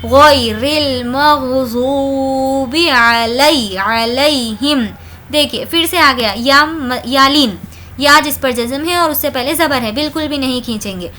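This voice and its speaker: A woman teaching recitation, patiently explaining each rule and then reciting the verses slowly. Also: sits high, pushed and bright, a little hiss or hum. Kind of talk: tajweed lesson with slow recitation.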